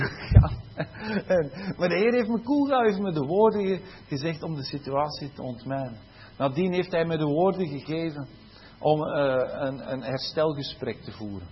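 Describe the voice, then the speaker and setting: A man's voice: on the high side, lo-fi sound, a little hiss or hum. A man, a teacher giving a conversational sermon testimony and acting out quoted pupils. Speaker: teacher and preacher.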